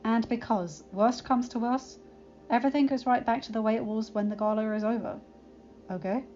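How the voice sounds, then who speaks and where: A woman voicing an earnest young male pony guard who speaks in a gentle, reassuring way, in a slightly dull recording with faint music. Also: fairly high pitch, steady tone, moderate pace, natural voice.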